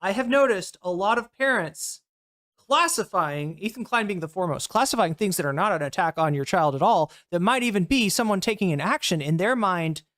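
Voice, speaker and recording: A woman streaming to her chat, reacting to clips in a blunt, heated way and swearing freely. Her voice sits in an ordinary middle pitch. The sound is close and dry, with no room echo. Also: expressive, a little fast, a bit bright. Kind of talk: casual livestream commentary.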